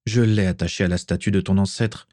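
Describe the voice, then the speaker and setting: A man's voice: deep voice, fairly even intonation, fairly quick, warm tone, no echo, lightly acted. A man putting on a dry, guarded witch. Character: guarded middle-aged witch, calm and wry.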